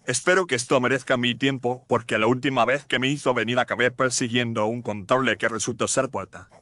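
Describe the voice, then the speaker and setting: A man's voice: medium pitch, fairly even intonation, brisk, pushed and bright, no room sound, clean studio sound, lightly acted. A man playing an impatient police inspector who talks bluntly and grumbles. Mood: grumbling.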